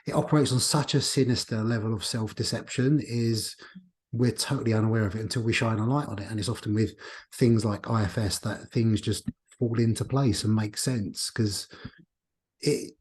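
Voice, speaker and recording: A man's voice: on the low side, fairly even intonation, normal speed, a little mellow. A man hosting a podcast, talking in a reflective, casual way and often restarting his sentences as he thinks aloud. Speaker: podcast host. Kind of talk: casual conversation.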